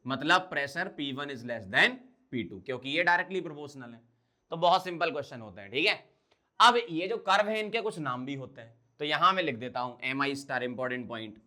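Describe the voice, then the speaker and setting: A man's voice: fairly high pitch, pushed and bright. A man teaching a chemistry class, who keeps putting questions to the students and answering them himself, mixing in English technical terms. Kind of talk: blackboard lecture.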